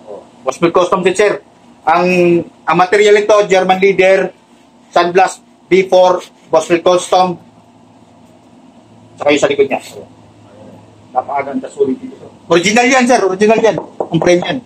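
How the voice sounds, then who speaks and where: With a high voice at normal speed and long pauses, a Filipino motorcycle accessories seller and vlogger casually presents products to a customer and viewers. He often speaks to the customer respectfully, and vehicle sounds make the location noisy.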